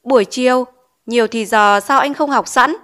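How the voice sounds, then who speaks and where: A woman's voice: a little high, normal speed, a bit bright, natural voice. A woman voicing a stern male village schoolteacher in an audiobook, scolding with pointed questions. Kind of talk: audiobook character reading.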